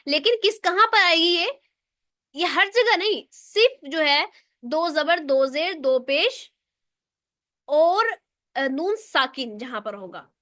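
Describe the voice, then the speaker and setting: A woman's voice: very high voice, lively intonation, slow pace, long pauses, fairly bright tone, no room sound, clean studio sound. A woman teaching a recitation lesson online in speech, explaining step by step and answering her own questions.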